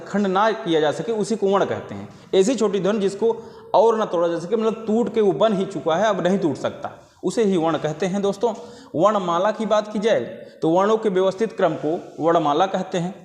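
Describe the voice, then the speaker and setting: High-pitched male teacher, repetitive exam-prep explainer, echoey room. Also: a little mellow. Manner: repeats definitions, addresses viewers as friends. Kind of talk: exam-prep grammar lesson. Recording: echoey room with long reverb.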